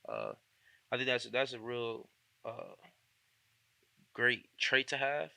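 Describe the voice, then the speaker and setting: A man's voice: mid-range voice, wildly swooping pitch, takes it slowly, vocal fry, sharp tone. A young man from Indianapolis hosting a casual interview, laid-back and slangy with lots of fillers. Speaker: podcast host.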